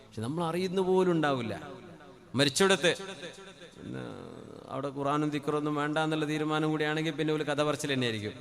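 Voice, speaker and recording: A man from Kerala preaching a sermon into a microphone, dropping to soft conversational asides and rising to loud, drawn-out chanted Arabic phrases. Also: on the high side. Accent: Kerala Malayalam. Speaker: Islamic preacher. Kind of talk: Malayalam sermon.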